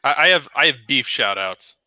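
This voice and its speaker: Male co-host, very bright and crisp, ranting and stammering, dry close sound. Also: mid-range voice, animated, normal speed, no room sound. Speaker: podcast co-host. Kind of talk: casual profane banter.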